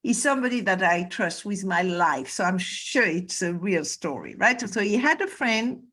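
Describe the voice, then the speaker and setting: A woman's voice: medium pitch, lively intonation, normal speed, a bit bright. A woman spiritual teacher talking earnestly on a video call, stressing points by repeating words. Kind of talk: conversational interview on a call.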